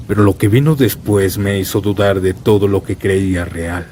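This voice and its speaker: Over a constant bed of rain and thunderstorm noise, a low-voiced man tells first-person horror tales from a script. His pace is moderate, and he delivers them gravely and dramatically, like a storyteller.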